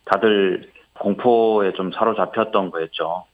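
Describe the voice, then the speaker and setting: Over a muffled, band-limited phone line, a man who was an airline passenger gives a spontaneous, polite account as an interviewee. His voice is on the low side with a steady tone, and he speaks at a measured pace with somewhat hesitant phrasing.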